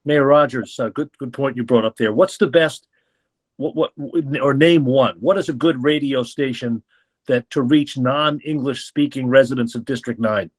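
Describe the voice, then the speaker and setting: A man moderating a candidate interview for a newspaper's editorial board. He is polite but halting, stopping and restarting his questions as he goes. His pitch is ordinary for a man.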